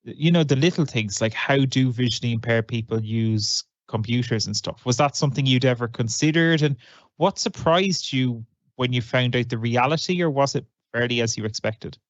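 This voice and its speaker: A man's voice: mid-range voice, normal speed, no room sound. A man hosting a podcast, upbeat and conversational as he introduces segments and questions a guest. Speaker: podcast host. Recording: dry, slightly dull lo-fi sound.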